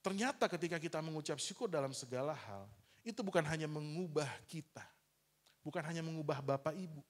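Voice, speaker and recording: A man's voice: fairly high pitch, brisk. Man preaching a candid sermon. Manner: candid storytelling, acting out dialogue with his father; addresses the congregation as "saudara". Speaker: pastor.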